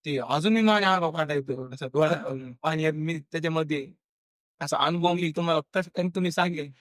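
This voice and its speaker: A young man with a Marathi accent, speaking a little high for a man and telling a spooky story in a halting, hesitant way. He uses many fillers and restarts, and he acts out the voices of the people in the story. The recording is dry and close, with no room sound. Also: no room sound. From India. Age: young adult. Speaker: guest storyteller. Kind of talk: casual podcast storytelling.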